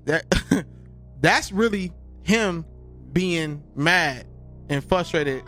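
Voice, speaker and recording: A man's voice: a little high, expressive, extremely slow, fairly bright tone, faint music behind. A man in his thirties co-hosting a casual podcast chat, boastful and joking, often breaking into laughter. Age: 30s. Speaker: podcast co-host.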